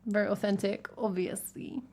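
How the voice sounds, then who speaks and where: A woman's voice: mid-range voice, level tone, normal speed, vocal fry, darkish tone, a little hiss or hum. An English woman, a singer-songwriter, chatting casually with her stream audience between songs in a playful, self-mocking way. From England. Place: at home. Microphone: headphones with cable.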